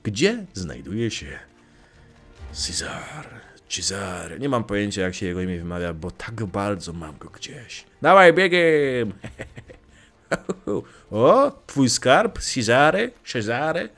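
A man's voice: lowish voice, very animated, slow pace, fairly bright tone, faint music behind. A young man casually commenting on his gameplay, joking, swearing lightly and talking back to the game characters. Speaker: let's play gamer.

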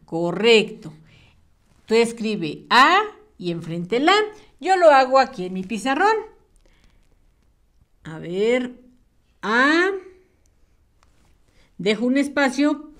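A woman teaching a children's spelling lesson, patient and sing-song, using diminutives. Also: fairly high pitch. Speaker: primary school teacher.

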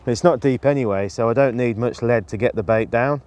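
A man's voice: medium pitch, brisk, a little mellow. A man in his forties, a match angler, gives a practical, explanatory demonstration to camera outdoors on a riverbank, talking into a lapel mic with fillers and restarts along the way. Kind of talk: instructional talk to camera.

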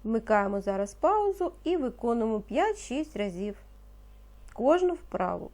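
A woman leads a reading lesson for young children. Her fairly high voice rises and falls in a lively way as she pronounces each word slowly and with care. She sounds patient and encouraging. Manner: slow, patient, encouraging, pronounces words carefully. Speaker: primary school teacher.

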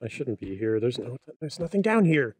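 A scared man streams a horror game, talking casually to viewers. He is jumpy and sweary, with very lively pitch. There is some noisy game ambience behind his voice. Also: normal speed. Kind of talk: live horror game commentary, casual chat.

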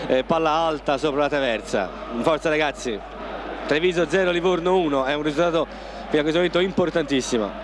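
A man's voice: on the high side, fast, a crowd in the background. A man giving live analysis as co-commentator at a football match, speaking in emphatic phrases. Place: outdoor football stadium stand. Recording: noisy outdoor stadium TV broadcast.

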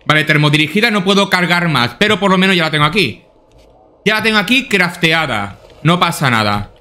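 A man's voice: on the high side, animated, brisk, pushed and bright. A man doing casual let's-play commentary, swearing often and thinking aloud to himself. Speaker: gaming YouTuber.

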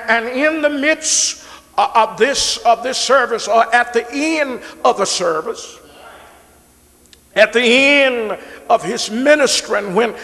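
A man's voice: very high-pitched, sharp tone, long reverb tail. A middle-aged man preaching a sermon from the pulpit, stretching and repeating words and calling on the congregation to answer. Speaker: pastor. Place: large church sanctuary, behind a pulpit.

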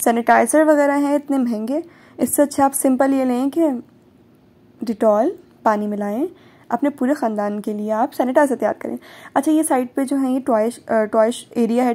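A young Pakistani woman vlogs casually while shopping in a large indoor supermarket, tossing in joking asides. Her voice is on the high side with a dark tone.

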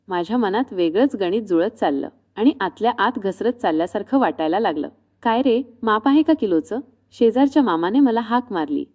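A woman reading a first-person story in a calm, reflective scripted narration. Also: medium pitch.

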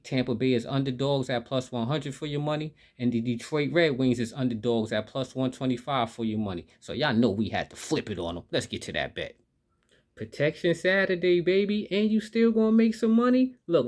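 A man hosts his own sports betting channel, speaking at an ordinary middle pitch. He keeps the energy up and talks straight to his viewers while he runs through his picks. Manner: upbeat, hypes viewers, talks straight to the audience. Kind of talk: hyped betting picks vlog.

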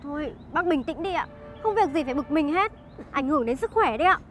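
A young actress playing a sly young woman who flatters an older mother. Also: high voice, quick pace, background noise. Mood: flattering. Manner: sweet-talking, flattering, sharp when accusing.

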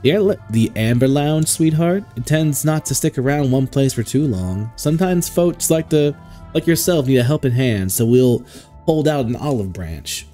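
Guy doing a southern lady running a lounge, drawly and sugary, mellow tone, bit of game music under. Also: medium pitch, expressive, moderate pace, lightly acted. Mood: reassuring. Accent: Southern US (put on). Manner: drawling, calls people sugar and sweetheart. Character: flirty southern hostess woman, sweet-talking.

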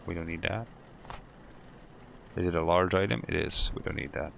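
A man's voice: low-pitched, normal speed, gravelly, a bit bright, highs cut off, slight background noise. A man hosting a horror game playthrough, jumpy and swearing, talking to himself and to the game as he plays. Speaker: gaming channel host. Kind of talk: let's play commentary.

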